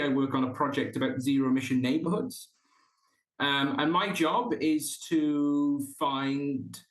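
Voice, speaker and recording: A podcast guest from South Wales, speaking with a Welsh accent, talks earnestly in a casual interview, often stumbling and restarting his sentences. His voice is fairly high, and the audio is poor, with an echoey room.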